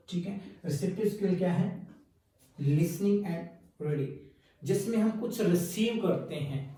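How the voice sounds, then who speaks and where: A man's voice: high-pitched, warm tone, distant mic. A male teacher giving a recorded exam-prep lecture, explaining step by step and answering his own questions as he goes. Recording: very echoey room, voice from afar.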